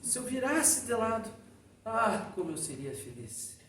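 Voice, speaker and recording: A man voicing a calm, good-humored old man who is bedridden, speaking gently and with resignation, heard from a distant mic in an echoey hall. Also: high voice, measured pace, slight background noise, voice pushed up, heavily acted. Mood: gentle.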